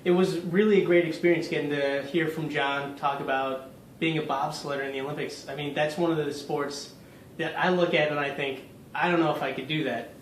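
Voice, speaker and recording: A man co-hosting a podcast in casual chat, relaxed, often trailing off and restarting his sentences. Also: on the high side, brisk. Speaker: podcast co-host. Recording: roomy with faint noise.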